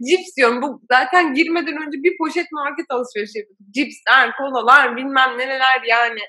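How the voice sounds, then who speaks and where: A young woman chatting casually, telling a story about her old call center job in an animated way and laughing often. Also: high voice, a little fast. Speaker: former call center worker.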